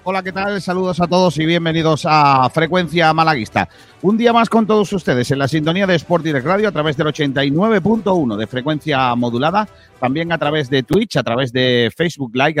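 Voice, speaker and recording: A man hosting a sports radio show in a casual, colloquial, halting conversational way. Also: medium pitch, fairly bright tone, no echo, clean studio sound. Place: stadium press room.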